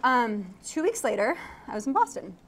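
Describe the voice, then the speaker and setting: A woman's voice: a little high, big pitch swings, moderate pace, a little hiss or hum. A young woman from Iraq, an architect and tech founder, chatting animatedly as an interview guest and laughing often. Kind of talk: casual interview chat. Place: event studio.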